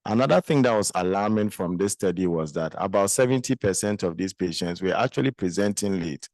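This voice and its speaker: A Ghanaian man with a groggy voice from the flu, giving a measured, formal medical conference presentation. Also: low-pitched, lively intonation, a little mellow, no room sound. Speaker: guest speaker, specialist physician and nephrologist.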